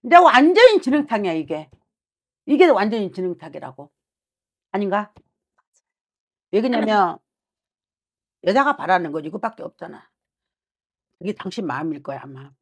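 A middle-aged woman fortune teller gives a reading over the phone from a small shrine office, bluntly scolding and acting out what her client is thinking. Her husky, medium-pitched voice has a sing-song quality, moving at normal speed with long pauses. It's a fortune-telling consultation.

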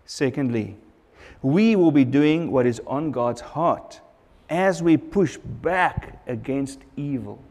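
A man's voice: medium pitch, lively intonation, takes it slowly, a little mellow, in a large hall. A middle-aged man preaching a sermon at a church pulpit, earnest and repeating phrases for emphasis, on a lapel mic. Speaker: pastor.

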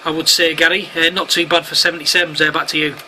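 An amateur radio operator filming for online videos chats casually over two-way radio from a set at home, using matey slang and radio jargon. His voice is a little high, quick and sharp, with a flat delivery, and the room recording is clearly noisy.

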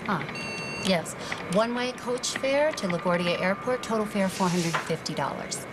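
Actress as a polite ticket agent, very noisy. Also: female voice, mid-range voice, animated, normal speed, lightly acted. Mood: businesslike. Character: polite, businesslike female airline ticket agent. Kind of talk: naturalistic TV film acting. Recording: very noisy film soundtrack, airport ambience.

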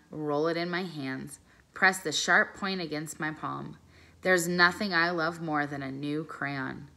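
Woman reading a kids book aloud to class, calm careful storytelling, low pitched, bright tone. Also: creaky. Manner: calm, careful storytelling, pausing over phrases. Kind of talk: reading a children's novel aloud.

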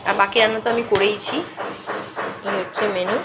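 A woman's voice: mid-range voice, fairly even intonation, moderate pace. Woman vlogging with a cold. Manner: chatty, talks to viewers while showing around. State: congested with a cold, sore throat. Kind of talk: casual daily vlog chat. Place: home kitchen. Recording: roomy echo, faint background noise.

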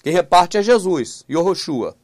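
A man preaching on video who reads scripture aloud slowly, then presses the listener with repeated questions. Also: high-pitched, big pitch swings, no echo, studio quality. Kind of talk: YouTube Bible teaching.

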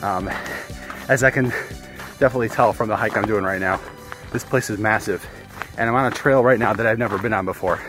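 Hiking a desert mountain trail with a camera held at arm's length, a man in his thirties explains his landscape photography in a casual vlog. His lowish voice is brisk with frequent pauses, and music plays in the background.

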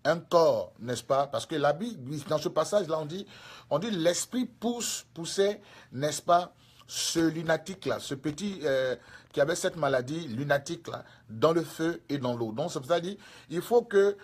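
A man's voice: fairly high pitch, animated, unhurried, slightly rough. A male preacher with an Ivorian French accent, giving a sermon full of repetition and tag questions.

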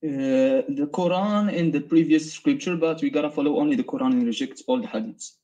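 A man's voice: fairly high pitch, a little fast, warm tone, muffled recording. A man from Morocco calling in to a live debate, answering hesitantly with short replies and fillers. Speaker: caller. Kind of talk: phone-in debate.

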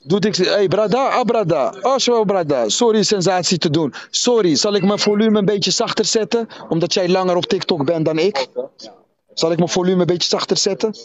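A man with a high voice taunts a rival over a phone stream, mocking and provocative. He often breaks into chanted, half-sung jabs. The sound has the close, plain feel of a phone microphone. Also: moderate pace, lo-fi sound, crowd noise. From Netherlands. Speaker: TikTok live streamer. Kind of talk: taunting live-stream battle chat.

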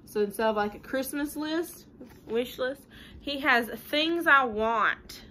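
In her home living room, a woman in her thirties reads a picture book to children in a high, bright, forceful voice, taking it slowly. The animated read-aloud is chatty and sing-song, with casual asides that explain things simply, and light room noise comes through the home recording.

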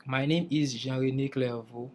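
Presenting over slides for his English class, a young man from Haiti speaks carefully and restarts phrases while hunting for words. He talks at normal speed in a steady, medium-pitched voice.

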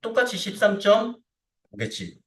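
Walking through a hands-on software tutorial, a male CAD instructor speaks casually at a moderate pace, his slightly high voice swinging through lively rises and drops. He checks in often with short tag questions, and the distant mic catches a roomy echo.

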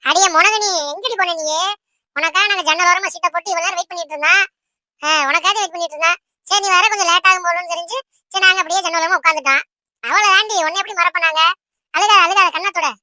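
A woman voicing a bossy, loud village woman who scolds and coaxes her friends in a comedy cartoon. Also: very high-pitched, quick pace, no room sound, full character voice. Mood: coaxing, bossy. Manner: scolding, rustic village speech.

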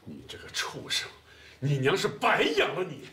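An actor playing a blunt older village man, scolding loudly in a rural film drama. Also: on the high side, wildly swooping pitch, moderate pace, noisy background. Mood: furious. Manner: scolding, loud. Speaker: elderly uncle. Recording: film soundtrack with loud music.

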